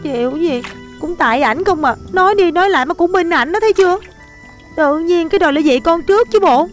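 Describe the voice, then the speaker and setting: Stammering southern vietnamese young wife in a panic, high voice, faint music behind. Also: female voice, lively intonation, brisk. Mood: frantic. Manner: frantic, stammering repeats. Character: panicky young wife who frets over her husband. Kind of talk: comedy film acting.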